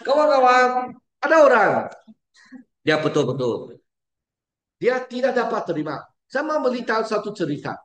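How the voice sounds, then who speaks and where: A man preaching a sermon to a congregation, repeating words and shouting for emphasis, often putting questions to his listeners. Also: very high-pitched, very animated, moderate pace. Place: church hall. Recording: very echoey church hall, far from the mic.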